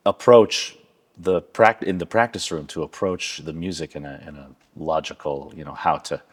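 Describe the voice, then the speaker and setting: A man, a violinist interviewing his former teacher, talking eagerly and haltingly, with many restarts. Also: rumbling low, fairly even intonation. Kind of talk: conversational interview.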